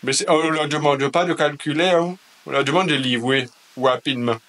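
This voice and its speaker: Guy doing a laid-back antillean call center lady, squeaky falsetto, bright, drags her words out. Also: close to an everyday voice. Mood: sassy. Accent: put-on French Caribbean accent. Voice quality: very high falsetto, drawn-out sing-song. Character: female customer-service agent from the Antilles, sleepy and unbothered. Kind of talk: comic phone role-play.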